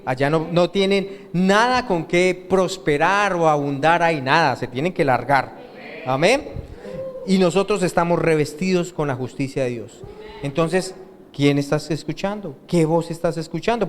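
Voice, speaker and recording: Colombian pastor preaching in a reverberant hall. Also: male voice, on the high side. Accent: Colombian Spanish. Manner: asks the congregation questions and waits for answers; joking, lively preaching. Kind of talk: sermon. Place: church hall. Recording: reverberant church hall with faint noise.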